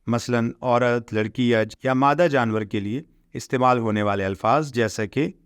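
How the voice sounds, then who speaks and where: A man with a Pakistani accent teaching an English lesson, explaining patiently and reading English lines slowly and carefully. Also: mid-range voice, clean tone, no room sound, clean studio sound.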